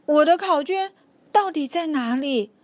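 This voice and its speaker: Anxious young rabbit boy acted by a female reader, picture-book read-aloud for toddlers, high, excitable, fretful. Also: a little slow, dry recording. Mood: worried. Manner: exclaiming, fretful. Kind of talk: children's picture-book character voice, reading to a toddler.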